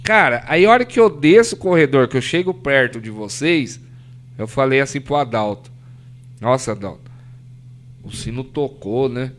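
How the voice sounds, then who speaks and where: This podcast guest, a Brazilian Portuguese speaker from the São Paulo interior, has a mid-range voice with lively intonation and moderate pace. He earnestly shares an emotional faith testimony in casual conversation, often adding "né?" and impersonating what others said.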